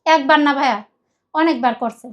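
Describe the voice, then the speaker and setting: A woman from Khulna with a Bangladeshi accent speaks briskly in a high-sitting voice. She gives a confessional account of her life in conversation, rambling, emphatic and often repeating herself.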